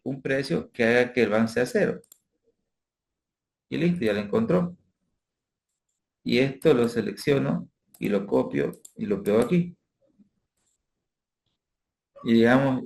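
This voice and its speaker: A man's voice: mid-range voice, creaky, darkish tone. A man giving a recorded finance class over a spreadsheet, explaining step by step and checking in with his students with frequent tag questions. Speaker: instructor. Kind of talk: spreadsheet tutorial lecture.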